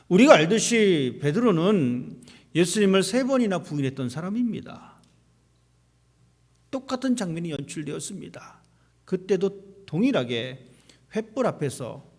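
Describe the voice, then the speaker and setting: A man's voice: high-pitched, a little mellow. A male pastor preaching a sermon in a church sanctuary, asking the congregation rhetorical questions. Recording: long hall reverb.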